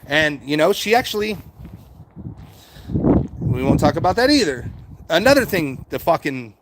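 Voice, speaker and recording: Answering his viewers' chat, a middle-aged American host with a fairly high voice talks unscripted, wandering and repeating himself and swearing casually. His pitch swings widely though his speed is normal. The recording is very noisy.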